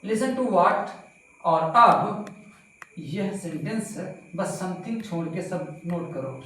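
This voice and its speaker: A man teaching a slow grammar lesson to pupils, repeating points and asking them questions. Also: high voice, animated, a bit bright, far from the mic, a little hiss or hum. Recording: very echoey room, voice from off-mic.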